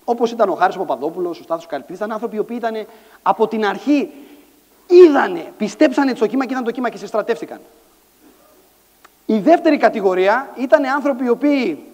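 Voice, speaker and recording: High-voiced man telling a story on a hall stage. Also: pauses often. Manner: animated storytelling, acts out dialogue, shouts lines. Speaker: conference speaker. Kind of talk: motivational stage talk. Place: large conference hall. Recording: echoey hall sound.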